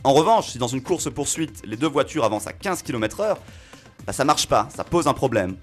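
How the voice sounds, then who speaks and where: A man reviewing a film on a local radio show, talking in an animated way with fillers as he works through his points. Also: medium pitch, brisk, faint music behind. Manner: animated, reasoning aloud with fillers. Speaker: film critic.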